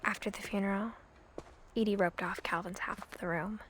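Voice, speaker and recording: A young adult woman voices a reflective young woman telling her family's history in a video game, with an intimate, understated delivery. Her medium-pitched voice is steady, a little fast, and close to an everyday voice, and the mood is wistful and reflective. There is noise in the background.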